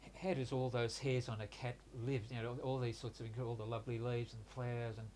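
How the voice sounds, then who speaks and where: A Hungarian-born man in his sixties, raised in Australia and a native Hungarian speaker, recounts his life in a reflective interview. His medium-pitched voice stays flat and even, but he speaks haltingly, with many pauses, hesitations and restarts. A faint hiss or hum sits under the recording.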